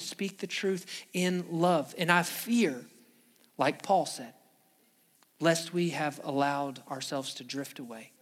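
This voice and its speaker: A man's voice: fairly high pitch, fairly bright tone. A man preaching a sermon to his church, telling a Bible story and acting out its quotes. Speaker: pastor. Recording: music playing behind the voice.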